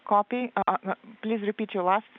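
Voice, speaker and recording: Halting woman interpreter, tinny phone-like line. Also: mid-range voice, fairly even intonation, no room sound. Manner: halting, piecemeal delivery with many hesitations. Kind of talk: live translation voice-over of radio exchanges.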